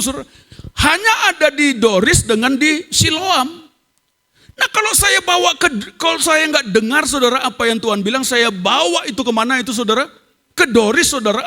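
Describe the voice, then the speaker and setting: A man's voice: very high-pitched, pushed and bright. A man giving a sermon testimony in a church, telling an emotional story and often calling out to the congregation. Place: large church hall. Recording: echoey church hall.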